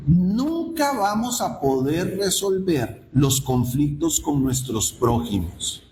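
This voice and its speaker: Man preaching, high lively voice, slow unhurried delivery, rhetorical questions, roomy church hall reverb. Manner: rhetorical questions to the congregation, wide swings in pitch. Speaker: pastor. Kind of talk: sermon.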